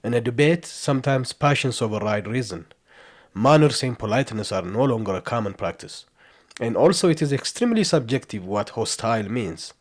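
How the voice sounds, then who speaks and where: Male commentator, measured voice-over, mid pitch, lecturing tone. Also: animated. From outside the US. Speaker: reaction commentator.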